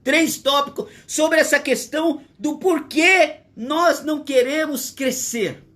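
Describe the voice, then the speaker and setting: A man in his sixties, a pastor with a Brazilian Portuguese accent, preaches a livestreamed sermon from his home. His voice is very high and a bit bright, and he moves slowly, speaking earnestly and emphatically while repeating his points.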